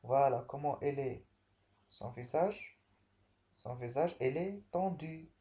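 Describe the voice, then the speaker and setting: Male language teacher, remote lesson; unhurried, warm-toned delivery, halting and repetitive. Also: mid-range voice, slight background noise. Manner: slow, repetitive explaining with many restarts. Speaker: French teacher.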